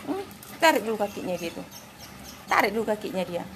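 A woman's voice: medium pitch, sing-song, brisk, a little hiss or hum. A woman vlogging at home, talking casually while cooking and coaxing and scolding her dogs, sometimes imitating their barks. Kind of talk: casual home vlog talk.

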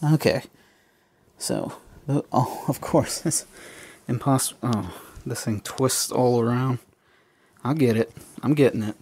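A man's voice: mid-range voice, a little slow, pauses often, darkish tone, husky. A man chatting casually to viewers as he builds a toy kit, joking at his own expense and calling them folks. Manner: chatty, self-mocking, talks to viewers as folks. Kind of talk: casual unscripted build commentary.

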